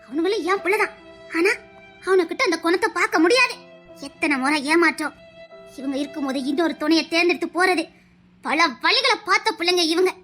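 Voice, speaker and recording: A woman's voice: very high-pitched, sharp tone, exaggerated voice. Woman playing a pleading Tirunelveli matriarch. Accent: Tirunelveli Tamil. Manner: earnest, pleading, lecturing. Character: elderly mother-in-law matriarch, earnest, pleading. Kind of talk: family web-drama acting.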